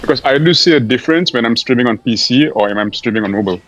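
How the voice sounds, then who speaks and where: A man's voice: mid-range voice, animated, racing, rough recording. A man streamer talking casually in a group discussion, rambling with lots of fillers and restarts. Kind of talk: casual chat.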